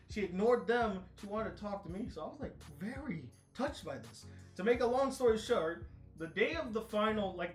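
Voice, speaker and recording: A young man on a casual podcast chat, telling his story in an animated way. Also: high-pitched, echoey room. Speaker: podcast co-host.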